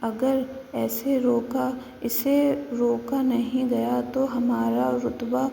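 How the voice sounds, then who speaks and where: A woman voicing a scheming, mocking male royal minister in a read-aloud story, in a low-key reading voice. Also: flat delivery, vocal fry, warm tone, reverberant, long reverb tail, slight background noise. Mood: scornful. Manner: mocking, sly.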